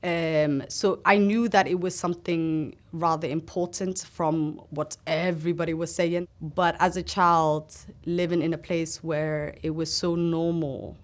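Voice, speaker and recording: A woman from Somalia, a guest in a sit-down interview, gives personal testimony in a fairly low, steady voice. She speaks earnestly and haltingly, pausing as she recalls things.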